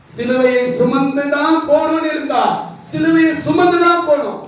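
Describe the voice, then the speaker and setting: High-voiced preacher in an echoey hall. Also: male voice, steady tone, normal speed. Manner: preaching with questions to the congregation, pitch swinging high and low. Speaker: pastor. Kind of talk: sermon. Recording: echoey hall, voice from a distance, faint noise.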